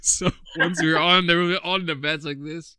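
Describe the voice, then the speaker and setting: A man's voice: fairly high pitch, fairly even intonation, moderate pace, bright, forceful tone, smooth, no echo, clean studio sound. Chatty young man hosting a podcast. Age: 20s. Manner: chatty and rambling, laughs often. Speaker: podcast host. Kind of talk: casual chat.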